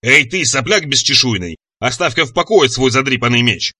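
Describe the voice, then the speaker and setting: A man voicing a huge, boastful scaly monster that roars its lines slowly and menacingly. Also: mid-range voice, lively intonation, slightly rough, no room sound, heavily acted. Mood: roaring. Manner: roaring, loud, slow and menacing.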